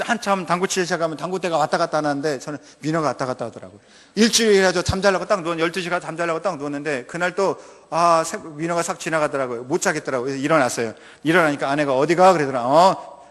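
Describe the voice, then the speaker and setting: Lively storytelling missionary preacher, man. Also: a little high, long reverb tail. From North Jeolla Province, Korea. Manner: lively, humorous storytelling that draws laughs. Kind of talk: sermon with personal storytelling.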